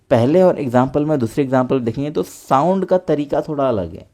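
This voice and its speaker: A man teaching English pronunciation in a patient, repetitive way, spelling out words letter by letter and then saying them slowly. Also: mid-range voice, mellow. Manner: patient, repetitive explaining, addresses viewers as friends. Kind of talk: explanatory online lesson.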